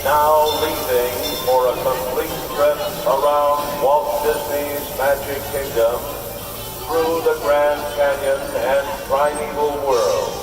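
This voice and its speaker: A man making a formal station announcement over a PA loudspeaker, with a measured, deliberate delivery. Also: a little high, fairly even intonation, distant mic, music in the background. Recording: echoey loudspeaker heard from afar.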